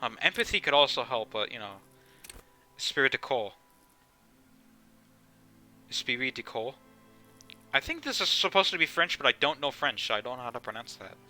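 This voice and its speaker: A man's voice: medium pitch, very animated, fast, pushed and bright, soft background music. A young man streaming a game live, chatting casually and rambling, with the odd swear. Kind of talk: casual live gameplay commentary.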